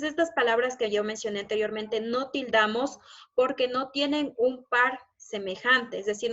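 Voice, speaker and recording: A woman's voice: on the high side, fairly bright tone, highs cut off. A woman teaching a recorded lesson over slides, explaining step by step and checking in often with short questions.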